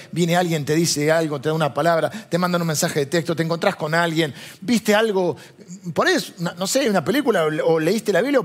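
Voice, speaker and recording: Husky-voiced Rioplatense preacher. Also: male voice, a little high. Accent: Rioplatense Spanish. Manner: chatty, digressive, asks the audience. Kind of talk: conversational sermon.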